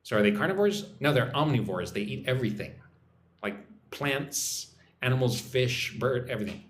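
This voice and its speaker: Streaming a relaxed English lesson from his home in Vietnam, an American teacher talks with viewers and replies to their comments by name. He has a mid-range voice with lively intonation and a moderate pace, and the sound is reverberant.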